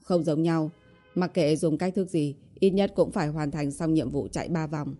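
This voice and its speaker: Woman reading a calm, firm young man. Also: low-pitched, moderate pace, faint music behind. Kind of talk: audiobook character voice.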